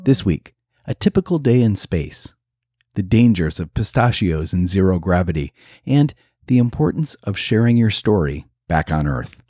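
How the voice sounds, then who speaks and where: Deep mellow podcast announcer man. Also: very animated, moderate pace, faint music behind. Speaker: podcast host. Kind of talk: scripted podcast intro narration.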